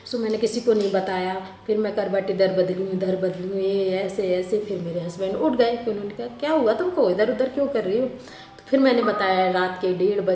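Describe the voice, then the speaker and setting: A young adult woman telling her own childbirth story in a casual, expressive way, correcting herself as she goes. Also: mid-range voice. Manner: chatty and expressive, with self-corrections and a few laughs. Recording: roomy with faint background noise.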